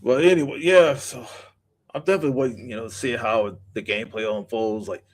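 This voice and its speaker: A man co-hosting a gaming podcast, talking casually and haltingly, searching for words with lots of "like". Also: mid-range voice, fairly even intonation. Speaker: podcast co-host.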